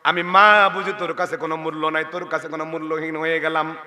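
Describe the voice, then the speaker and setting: A man's voice: a little high, level tone, fast talker, pushed and bright. Man voicing a wailing old mother. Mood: pleading. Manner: wailing lament. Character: grieving old mother, sick and cast out. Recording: long reverb of a large venue.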